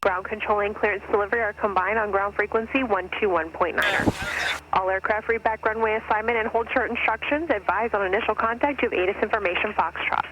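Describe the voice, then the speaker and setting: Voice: mid-range voice, brisk, highs cut off. Automated airport weather broadcast voice. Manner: even, clipped readout of numbers and notices. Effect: automated airport weather broadcast over aircraft radio. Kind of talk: recorded airport information broadcast.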